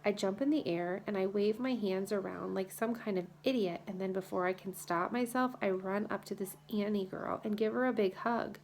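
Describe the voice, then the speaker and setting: A woman reading a first-person children's novel as audiobook narrator, in a lively storytelling manner. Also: medium pitch, moderate pace, few pauses, a little hiss or hum.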